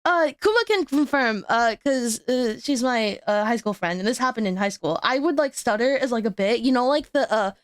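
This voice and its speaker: This is a young VTuber streamer with a guest on, chatting casually in a fairly high voice with lively intonation. She speaks at a normal speed with few pauses, rambling and laughing at herself. A stutter keeps her repeating words and starting over.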